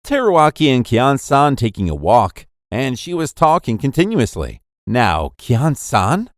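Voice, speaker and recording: A man's voice: medium pitch, sing-song, measured pace, dry recording, clean studio sound. A man narrating an anime recap in a playful, jokey storytelling manner.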